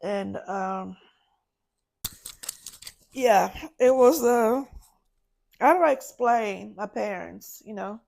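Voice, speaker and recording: A woman, a podcast guest, recounting a personal story in a halting way, searching for words. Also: medium pitch, creaky, darkish tone. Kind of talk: personal story told in an interview.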